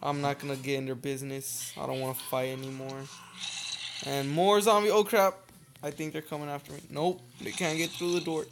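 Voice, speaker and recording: Excitable man narrating gameplay, noisy mic. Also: on the high side, fairly quick. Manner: excitable, swears casually, reacts aloud. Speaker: gameplay commentator. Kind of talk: casual game commentary. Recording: noisy home recording.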